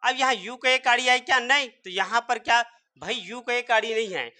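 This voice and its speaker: At normal speed, a man with an extremely high-pitched, bright and forceful voice leads a classroom-type spelling and pronunciation lesson in English. He sounds out each word letter by letter and answers the rhetorical questions he keeps repeating.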